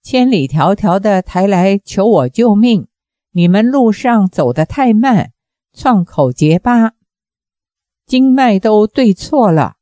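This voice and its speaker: A woman reading as a short, stout male doctor with a cold, quick temper, who snaps back in curt, clipped retorts. The delivery is slow and unhurried, with a mellow, darker tone. The sound is close and dry. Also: mid-range voice, expressive, no echo.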